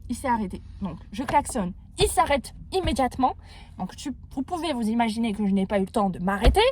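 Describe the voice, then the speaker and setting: Higher-voiced woman, emphatic. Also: expressive, brisk, a little mellow, slight background noise. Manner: emphatic, swearing, joking. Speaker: vlogger. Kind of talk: casual storytelling.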